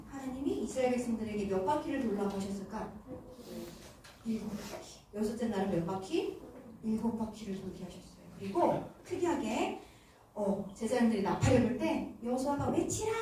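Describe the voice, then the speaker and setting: A woman teaching children, telling a Bible story in an animated way and asking them questions as she goes. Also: fairly high pitch, slight background noise. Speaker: children's Sunday school teacher. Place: church hall. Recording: echoey room from far off.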